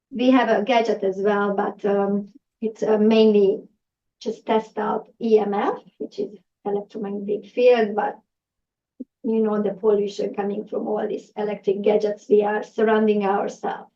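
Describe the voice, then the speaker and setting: Captured in a dull, distant lo-fi room recording, a presenter from Hungary speaks to a live audience with a Hungarian accent, often using fillers and restarting. Her mid-range voice sounds mellow.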